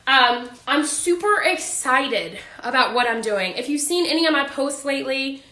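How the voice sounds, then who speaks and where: Livestreaming by phone or webcam from her home office, a female physician talks in a high, bright, forceful voice with lively intonation at a moderate pace. She's chatty and upbeat, greeting viewers and laughing a lot, warm and slightly breathless. The audio is reverberant.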